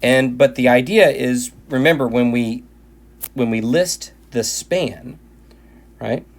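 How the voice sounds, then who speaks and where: A male math teacher with a middle-pitched voice speaks slowly, his voice worn thin and hoarse after recording many lecture videos. He patiently walks through a math lesson, often restarting and repeating his phrases.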